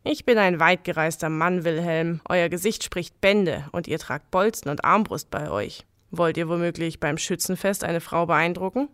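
A woman voicing a sly, smooth-tongued little stranger in red, a devil-like tempter with a croaking voice in a spoken legend. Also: fairly low pitch, normal speed, few pauses, no echo, clean studio sound, close to an everyday voice. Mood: coaxing.

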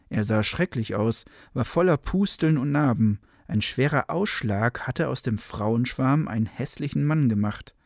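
A man tells an old legend in a calm, even storytelling manner. His voice sits at an ordinary middle pitch. The close recording is dry, with no room echo. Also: vocal fry. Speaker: narrator.

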